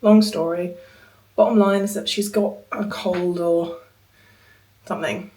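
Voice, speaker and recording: A woman's voice: fairly low pitch, fairly even intonation, unhurried, mellow, echoey room, distant mic, low-quality recording. A young woman in a casual vlog to camera, sounding ill with a cough and short of breath, chatty and frustrated but determined. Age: young adult. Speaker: vlogger. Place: indoors at a holiday home.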